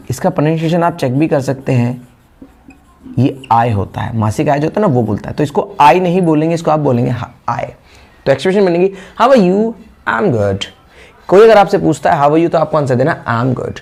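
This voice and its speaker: A man's voice: a little high, vocal fry, darkish tone. A man teaching a spoken English class, explaining step by step and repeating the example phrases. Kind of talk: spoken English lesson in Hindi.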